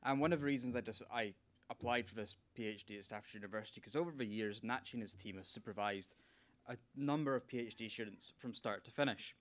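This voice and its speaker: A man's voice: lowish voice, fast talker. Earnest young man giving a speech. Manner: earnest, slightly emotional delivery. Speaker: PhD student speaker. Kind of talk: prepared speech at a launch event.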